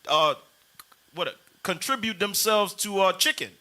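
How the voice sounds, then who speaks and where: A man's voice: high-pitched, expressive, moderate pace, pushed and bright. A man in a casual panel discussion, preaching and exhorting, often urging others on. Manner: exhorting, repeats "come on".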